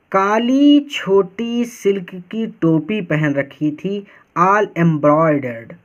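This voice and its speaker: Male tutor, high voice, slow and patient, reads each line then explains it, dull lo-fi recording. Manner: reads English lines, then explains them in Hindi; patient and repetitive. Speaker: teacher.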